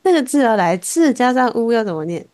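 A woman teaching a Korean class over a video call, patient and encouraging, sounding words out slowly and repeating them. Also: on the high side, sing-song, a little mellow, no room sound. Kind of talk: online language lesson.

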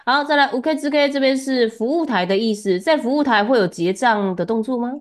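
A woman's voice: on the high side, fairly quick. A woman giving a one-on-one Japanese lesson, chatty and laughing often as she coaches pronunciation. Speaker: Japanese tutor.

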